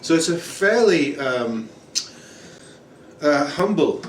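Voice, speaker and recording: A man in his forties casually reviews a guitar in a small room at home, rambling slowly with lots of ums and uhs in a fairly high voice. A distant camera mic picks him up, giving roomy, noisy audio with acoustic guitar playing in the background.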